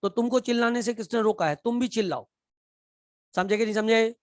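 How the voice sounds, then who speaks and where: A man teaching a live class, shouting and teasing as he quizzes his students in a colloquial way. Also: sits high, fairly quick, no echo, studio quality.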